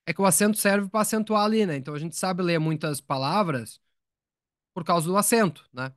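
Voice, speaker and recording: In a live online English lesson, a man explains patiently, repeats words, and asks his students questions. His voice sits high and brisk, captured at studio quality with no room sound.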